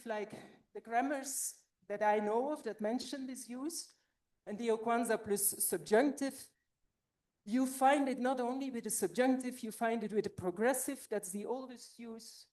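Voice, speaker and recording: A woman gives an academic conference talk in a mellow, darker-toned voice. She is a little out of breath and explains her points as she thinks them through, in a steady, measured way. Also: a little high. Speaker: conference presenter.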